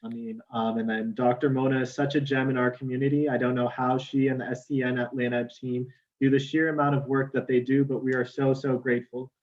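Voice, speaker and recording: Relaxed male moderator, flat voice. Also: mid-range voice, brisk, lo-fi sound. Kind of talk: moderating a panel, reading messages.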